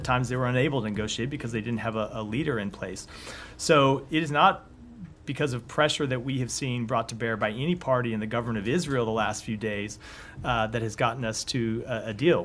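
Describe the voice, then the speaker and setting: A hoarse man speaking as a government spokesperson at a press briefing, measured and given to restarts. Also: medium pitch, a bit bright, a little hiss or hum. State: hoarse, coughing. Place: briefing room.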